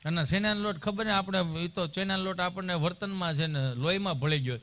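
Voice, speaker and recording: A man telling comic stories in stand-up, animated and punchy. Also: sits high, brisk. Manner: animated, punchy, anecdotal delivery. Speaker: comedian. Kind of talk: stand-up comedy storytelling.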